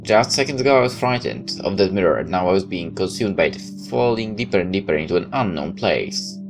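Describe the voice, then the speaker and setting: Reading a first-person tale in a casual gamer's style, a man with a low voice sounds animated and moves a little quickly. He strays into asides of his own along the way, while gentle music plays in the background.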